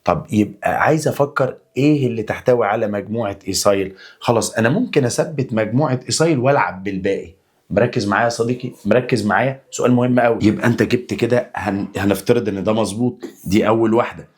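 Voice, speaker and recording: A husky young man with an Egyptian accent rattles through a chemistry review at speed. He keeps his pitch low and coaxes the class along. He also answers his own questions in the students' voice. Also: quick pace, a little mellow. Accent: Egyptian Arabic. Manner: chatty, plays both teacher and student, coaxing. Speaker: chemistry teacher. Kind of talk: energetic exam-review lesson.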